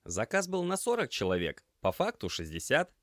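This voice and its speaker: A quick young kitchen hand who stays calm in the chaos, as a man reading an audiobook does him. He talks snappily in a lifted, loud voice. The sound is dry and close. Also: mid-range voice, no echo, voice pushed up. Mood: brisk. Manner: snappy, brisk. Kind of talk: audiobook character voice.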